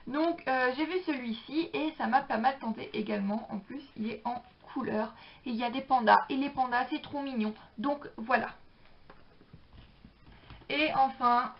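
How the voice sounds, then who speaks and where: A woman's voice: sits high, normal speed. A young woman chatting casually about books she borrowed, with many hesitations and fillers. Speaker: book vlogger. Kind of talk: casual book haul chat. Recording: dull lo-fi sound.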